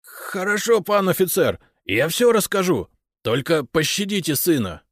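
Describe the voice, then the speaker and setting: A man voicing a frightened middle-aged farmer and father who speaks hoarsely and pleads for his son. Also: on the high side, very animated, measured pace, no room sound, studio quality, voice pushed up. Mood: pleading. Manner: pleading, anxious.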